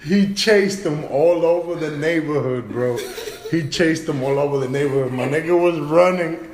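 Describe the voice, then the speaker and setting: A man's voice: fairly high pitch, moderate pace, crowd noise. A man telling a story in casual chat among friends, laid-back and slangy, switching into Spanish now and then. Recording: echoey room with clear noise.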